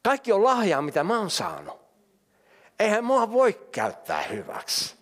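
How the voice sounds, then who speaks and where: A man's voice: sits high, huge pitch swings, fairly bright tone. An older man preaching a sermon, asking emphatic rhetorical questions and reading scripture aloud.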